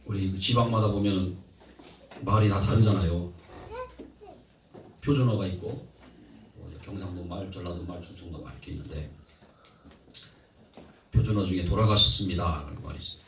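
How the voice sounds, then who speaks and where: A man's voice: deep voice, normal speed, pauses often, a little hiss or hum. A male pastor delivering a sermon with a humorous streak, teasing regional dialects and calling for amens from the congregation. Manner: exhorting, draws amens from the congregation. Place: church sanctuary. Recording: echoey church from a distance.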